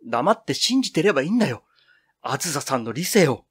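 Man voicing brisk tomboyish girl Piro. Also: a little high, very animated, slightly rough. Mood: firm, cheerful. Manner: brisk, scolding, confident. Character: cheerful boyish young woman Piro.

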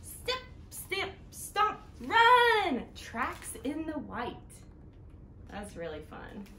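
Extremely slowly and in a high-pitched voice, a woman leads a library children's storytime, reading in an animated, sing-song manner straight to small kids. She's indoors on a couch in a living room. A camera a few feet away captures roomy sound with noticeable background noise.

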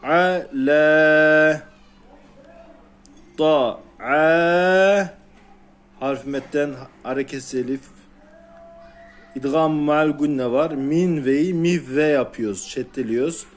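A man's voice: medium pitch, darkish tone. A man with a Turkish accent teaching Quran reading, sounding out and stretching syllables one by one for beginners. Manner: slow, drawn-out syllables repeated for learners. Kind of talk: syllable-by-syllable recitation lesson.

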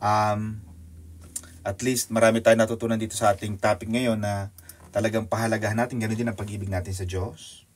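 A man with a Filipino accent preaching a sermon in an animated, teasing way that leaps up in pitch for emphasis. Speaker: pastor. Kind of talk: sermon teaching.

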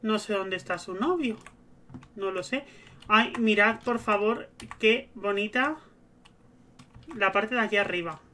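A woman streamer talks casually through a game. She narrates every move she makes aloud. Her voice sits at a middle pitch and sounds bright and forward. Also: measured pace, pauses often, slight background noise. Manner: chatty, narrates her own moves aloud. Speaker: gaming streamer. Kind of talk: casual gameplay commentary.

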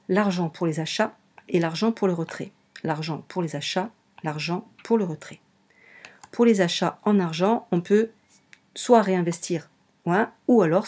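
A woman's voice: fairly low pitch, mellow, breathy edge. A woman with a French accent talking through a browser game on a screen recording, explaining it step by step and often repeating or correcting herself. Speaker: online game walkthrough presenter. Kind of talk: casual screen-recorded tutorial.

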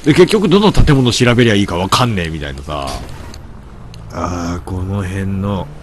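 A man's voice: low-pitched, animated, normal speed, slight background noise. Guy commentating a game, stuffy nose, grumbles and scolds stuff, voice bounces up and down a lot. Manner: grumbling to himself, mock-scolding game characters. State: stuffy nose from hay fever. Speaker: gameplay commentator. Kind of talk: gameplay commentary.

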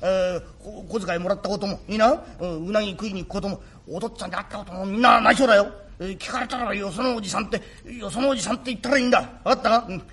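A man playing a remorseful rough working-class father, gruff yet tender, in old Tokyo shitamachi speech. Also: high voice, rapid-fire, hardly any pauses, crowd noise. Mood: coaxing. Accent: Tokyo shitamachi (Edo). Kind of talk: rakugo storytelling.

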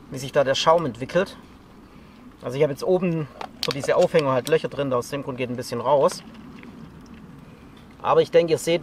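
A man's voice: a little high, slight background noise. Man explaining a craft in a forest camp. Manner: relaxed and chatty, explains step by step while working. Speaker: bushcraft instructor. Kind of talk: casual outdoor how-to demonstration. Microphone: camera a few meters off. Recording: distant outdoor camera audio.

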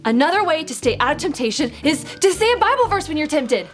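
Fast, high, cheerful female kids' co-host. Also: very animated, soft background music. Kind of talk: scripted kids' show dialogue.

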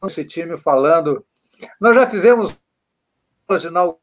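A man's voice: on the high side, expressive, slow. A man with a Brazilian Portuguese accent hosting an online live talk over a video call, his audio choppy and cutting out as he rambles with many fillers. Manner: rambling, full of fillers and restarts. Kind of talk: casual chat wrapping up a panel.

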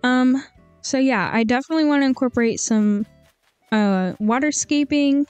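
A woman's voice: high voice, normal speed, a little mellow, clean tone, no echo, soft background music. Chatty young woman with a slight lisp. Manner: chatty and upbeat, with frequent ums. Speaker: gaming channel host. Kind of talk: casual game commentary voice-over.

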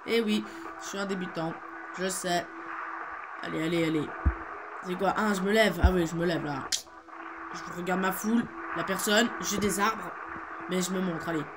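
A man's voice: high-pitched, normal speed, long pauses, very noisy. A teenage boy hosting a video, giving rambling, playful commentary on a game with many hesitations. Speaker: gaming video host. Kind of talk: casual gameplay commentary. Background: game music.

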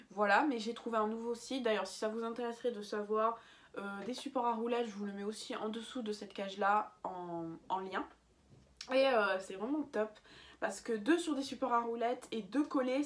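A young woman giving casual, chatty advice in a vlog, full of fillers and restarts and laughing at her own slips. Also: mid-range voice. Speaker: bird-keeping vlogger.

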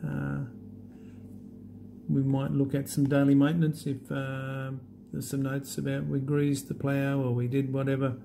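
A man with a low, gravelly voice talks through a tablet app demo at a desk. His tone is mellow and unscripted, full of pauses and fillers. A faint hiss of room noise sits behind him. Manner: relaxed, halting, many fillers. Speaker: app demonstrator. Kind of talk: unscripted screen demo walkthrough.

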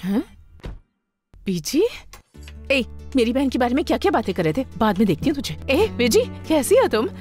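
A woman's voice: sits high, big pitch swings, normal speed, long pauses, darkish tone, faint music behind. A woman dubbing a fussy middle-aged mother who nags and scolds her son, in a dubbed movie. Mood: nagging. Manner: nagging and scolding. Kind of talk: Hindi movie dub.

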